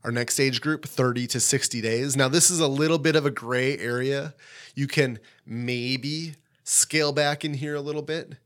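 A man hosting an educational medical podcast, teaching in an emphatic, deliberate and informal way with short, repeated points. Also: mid-range voice, fairly even intonation, fairly bright tone.

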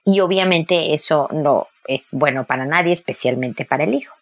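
A woman's voice: low voice, moderate pace. A woman gives direct parenting advice to a listener, speaking to her by name and acting out sample conversations. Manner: direct and explanatory, addresses the listener by name, acts out sample dialogues. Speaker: parenting advisor answering a listener. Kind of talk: advice talk addressed to one listener.

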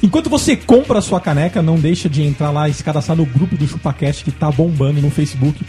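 A man hosting a podcast, plugging the show in a brisk, playful way. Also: a little high, lively intonation, warm tone, soft background music. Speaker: podcast host. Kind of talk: casual podcast banter and plugs.

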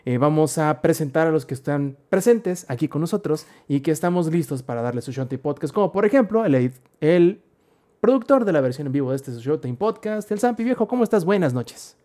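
A man's voice: a little high, lively intonation, a little fast, dark tone. A man, hosting a podcast and playfully introducing the co-hosts. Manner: playful presenter. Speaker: podcast host. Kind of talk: show introductions.

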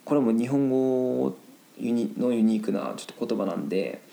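A man teaching Japanese vocabulary in a casual lesson, explaining slowly in simple Japanese with English glosses mixed in. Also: medium pitch, vocal fry, dark tone, reverberant, rough recording.

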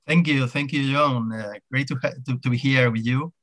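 Male podcast guest, native Spanish with Spanish accent, conversational but halting, repeats words as he explains. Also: medium pitch, steady tone, fairly bright tone. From Spain. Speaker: podcast guest, hospital CIO. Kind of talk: conversational interview.

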